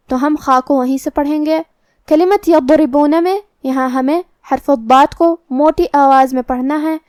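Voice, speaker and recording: A woman with a Pakistani Urdu accent and a high voice gives a methodical tajweed lesson. She explains each rule in order, then recites the word slowly. The sound is dry and close, with no room echo. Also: darkish tone. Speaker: Quran recitation teacher.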